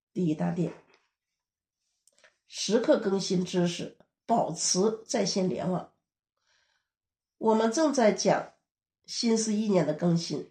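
A woman preaches a teaching sermon at a steady, explanatory pace. Her voice is mellow and warm. The room around her is echoey. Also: medium pitch.

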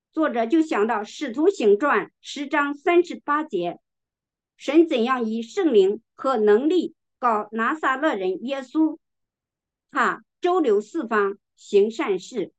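A woman delivers a sermon in a slow, measured way, leaning on each word as she reads scripture. Her voice sits somewhat high, and she clears her throat now and then. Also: dull audio. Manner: slow, deliberate, emphatic reading of scripture. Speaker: preacher.

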